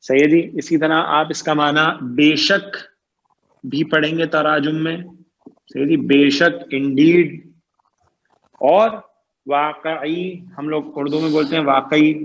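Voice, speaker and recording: A man's voice: a little high, fairly bright tone, lo-fi sound. A man teaching Arabic grammar in an online lecture. He stretches out key terms and keeps quizzing his students. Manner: repeats "ٹھیک ہے جی" and "صحیح ہے جی" often.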